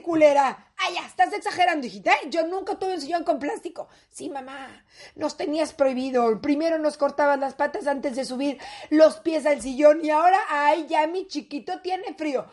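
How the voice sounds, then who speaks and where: A woman with a Mexican accent performing a crude comic monologue, acting out both mother and grandmother in quick back-and-forth. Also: sits high, darkish tone. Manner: crude, mocking, switches between mother and grandmother voices. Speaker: comedian. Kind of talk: comic monologue with acted dialogue.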